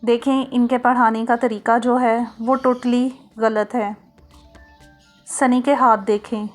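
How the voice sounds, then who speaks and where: A woman reading a storybook aloud in a slow, even way. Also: fairly high pitch. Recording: soft music underneath.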